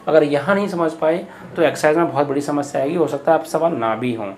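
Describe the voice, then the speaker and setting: A man's voice: fairly high pitch, quick pace, a little mellow, a little hiss or hum. A man speaking, teaching a math lesson patiently, repeating each step and asking questions aloud. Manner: patient, repeats steps and asks rhetorical questions.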